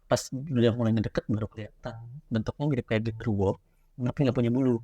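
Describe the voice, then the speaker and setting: A man's voice: mid-range voice, husky. A young man, a horror writer recounting a childhood scare in casual podcast chat. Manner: animated storyteller, quick and loose. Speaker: guest, horror story writer.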